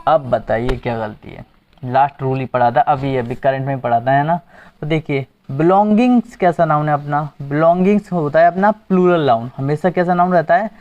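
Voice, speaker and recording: A male teacher with a fairly high voice and moderate pace leads an exam-prep grammar lesson, quizzing the class and repeating their answers. The recording is dull and lo-fi.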